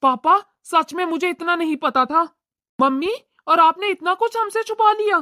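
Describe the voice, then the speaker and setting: This is a doting young brother in a cartoon, voiced by a woman. He keeps everyone calm in a very high, bright voice. The recording is dry and close. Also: normal speed, no room sound. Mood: placating. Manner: soothing, placating. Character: easygoing young adult brother, doting on his sister.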